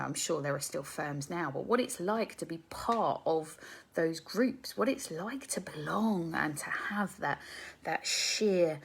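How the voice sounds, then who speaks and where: A woman of around forty speaks in a low voice with a gravelly fry. She is a psychotherapist hosting a casual live stream. She thinks aloud, full of ums and questions put to her viewers.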